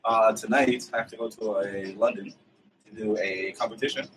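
A man's voice: lowish voice, fairly even intonation, moderate pace, fairly bright tone, distant mic, slight background noise, low-quality recording. A man co-hosting a podcast, prodding the others with questions and laughing in casual chat. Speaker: podcast co-host.

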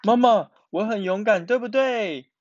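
A man's voice: on the high side, expressive, moderate pace, no echo, lo-fi sound. A man voicing a small girl chick who is frightened of getting a shot, speaking in a whiny, pleading way. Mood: cheerful. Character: little chick girl, scared of shots.

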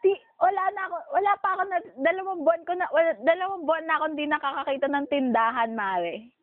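A woman's voice: high-pitched, fast, no room sound. A young Filipino woman co-hosting a podcast, chatting animatedly and laughing, recorded by phone. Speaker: podcast co-host. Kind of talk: casual chat. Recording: phone line, dry.

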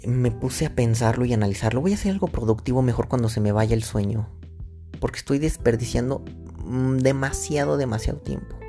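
A man's voice: mid-range voice, a little mellow. A man with a Mexican accent hosting his own casual solo podcast, rambling and slangy, thinking aloud and drifting off topic, into his own microphone. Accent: Mexican Spanish. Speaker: podcast host.

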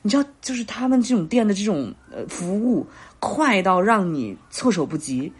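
Speaking at normal speed in a mid-range voice with a breathy edge, a woman in her thirties shares stories while co-hosting a podcast. The chat is casual and full of laughter, and she acts out each line of dialogue with animation.

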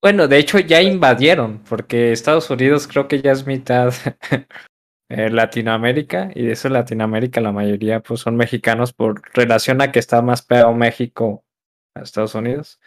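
Relaxed man chiming into a chat. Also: medium pitch, moderate pace. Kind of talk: casual podcast chat.

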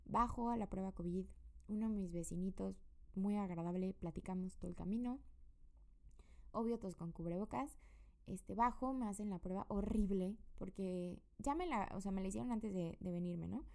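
Young Mexican woman, podcast host, rambling casual monologue, low-bright tone with a gravelly edge. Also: moderate pace. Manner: chatty and rambling, many fillers. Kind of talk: casual personal update monologue. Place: her room.

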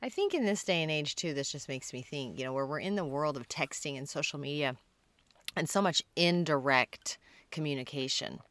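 A woman with a notably low yet bright, forceful voice talks thoughtfully on a casual podcast. She often asks questions and thinks out loud. The sound is dry and close. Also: moderate pace, no echo. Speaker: podcast co-host.

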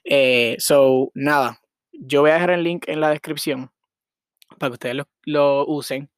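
Hosting his own casual podcast, a young man from Puerto Rico talks in a rambling, frank monologue sprinkled with English, in a Puerto Rican Spanish accent. His slightly high voice is clear and resonant at a measured pace, recorded with studio quality and no room sound.

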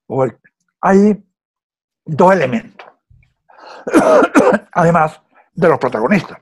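A man's voice: on the high side, wildly swooping pitch, slow pace, husky. A man with a Venezuelan accent in casual film chat, hesitant and repeating words as he tells stories.

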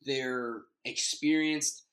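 A man's voice: mid-range voice, fairly even intonation, very slow, a bit bright. A man co-hosting a casual sports podcast, joking around and sometimes hunting for words. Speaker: podcast co-host.

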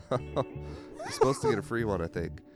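A man's voice: medium pitch, wildly swooping pitch, measured pace, over music. A man hosting a casual podcast with a congested voice, rambling and joking at his own expense. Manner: rambling, self-deprecating jokes. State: congested from illness. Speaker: podcast host.

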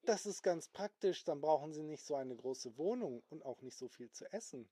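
A man's voice: fairly high pitch, lively intonation, moderate pace, mellow, husky, dry recording. A man voicing a flustered, apologetic male apprentice magician in a spoken bedtime story, hesitant and full of fillers.

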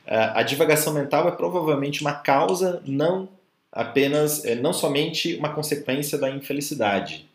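A man teaching a group as a workshop facilitator, mixing Portuguese and Spanish within his sentences and halting as he searches for words. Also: fairly high pitch. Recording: roomy echo.

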